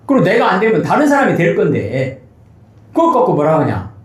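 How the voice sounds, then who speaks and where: A man's voice: high-pitched, wildly swooping pitch, fairly quick, roomy sound, recorded from a distance, pitched above the performer's own voice. A man acting out an irritated, defensive neighbor man who complains indignantly, in a church sermon.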